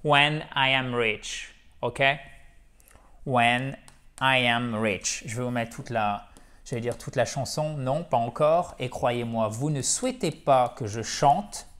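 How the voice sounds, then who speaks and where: A man who speaks natively, teaching English in a lively, chatty way and drilling words over and over. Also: mid-range voice, unhurried. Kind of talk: French-language English lesson.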